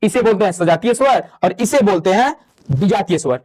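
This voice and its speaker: A man's voice: sits high, expressive, a little mellow. A man teaching a Hindi grammar lecture, explaining step by step and posing questions to the class that he answers himself. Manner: drawn-out spoken demonstrations of vowel sounds; chatty classroom asides to students. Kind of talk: online exam-prep lecture.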